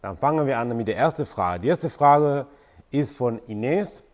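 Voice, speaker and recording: A man's voice: medium pitch, lively intonation, unhurried. Man talking in a reverberant room. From Argentina. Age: 40s. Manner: hesitant, many fillers and restarts. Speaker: company founder and channel host. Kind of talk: casual Q&A to camera.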